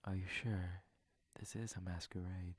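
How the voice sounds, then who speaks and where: A man voices a shy, polite, flustered young prince for intimate ASMR roleplay, often in a breathy whisper, gentle and hesitant with formal wording. His voice is low and flat, a little slow, sounding surprised and unsure, with no echo.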